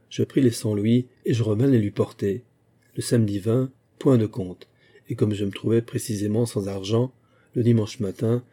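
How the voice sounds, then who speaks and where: A man narrating a first-person memoir as a literary audiobook, in a measured, even storytelling manner. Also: lowish voice, husky.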